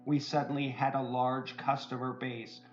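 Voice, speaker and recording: A man voicing a courteous, well-dressed male kobold merchant who speaks formally, pitched a little above his own voice. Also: level tone, normal speed, dull audio, faint music behind, close to an everyday voice. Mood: earnest storytelling.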